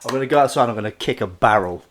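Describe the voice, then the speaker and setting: A man's voice: mid-range voice, racing, a loud crowd. A man playing a tabletop game with friends, stating plans with small stumbles and repeated words. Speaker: player. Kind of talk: casual tabletop banter.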